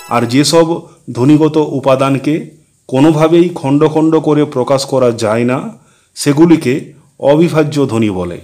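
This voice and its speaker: A man narrating a scripted grammar lesson, explaining points one by one in a slow, measured way. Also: a little high, darkish tone. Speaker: teacher.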